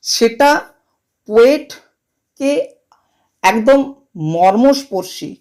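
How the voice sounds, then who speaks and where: A woman's voice: a little high, very slow, darkish tone. A woman teaching a poetry lesson for exams, mixing in English terms and repeating the key points. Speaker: literature teacher. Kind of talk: exam-focused lecture.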